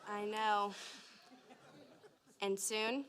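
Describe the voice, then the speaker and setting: A wry, gentle teenage niece in a sitcom. Her voice sits at a medium pitch and is heard through heavy noise. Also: level tone, drawn-out words, a loud crowd. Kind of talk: sitcom acting.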